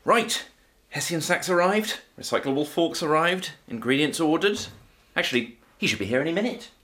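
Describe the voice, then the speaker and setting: A man's voice: fairly high pitch, animated, normal speed, a bit bright. An actor playing a well-spoken young man with a dry, sarcastic wit in a sitcom. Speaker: posh young stepson. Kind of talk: sitcom acting.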